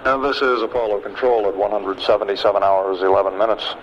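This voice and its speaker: A man giving official live mission commentary in a measured, hesitant way with pauses. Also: on the low side, level tone. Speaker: mission control public affairs announcer. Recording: dull archival broadcast, faint noise.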